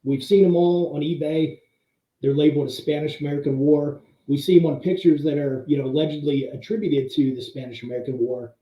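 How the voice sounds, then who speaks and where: A man hosting a monthly history talk, explaining slides conversationally, heard in tinny, low-sample-rate audio from an empty room. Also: steady tone, brisk, roomy sound. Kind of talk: casual slide-show presentation. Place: pretty much empty room.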